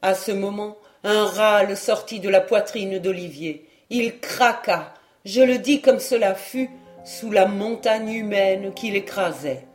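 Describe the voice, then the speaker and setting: Slow, measured audiobook narrator. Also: medium pitch, faint music behind. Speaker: audiobook reader. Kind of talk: first-person literary narration.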